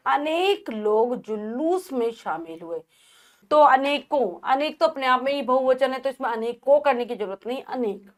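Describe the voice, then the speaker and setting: A woman teacher with a high voice gives children a grammar lesson, repeating words slowly and carefully to show how they're spelled correctly.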